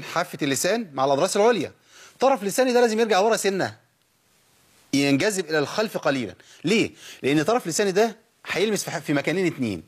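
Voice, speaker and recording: A man with an Egyptian Arabic accent teaching Quran recitation on a program, drilling pronunciation by drawing sounds out slowly and asking his listeners questions. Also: fairly high pitch, husky. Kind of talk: tajweed lesson on a program.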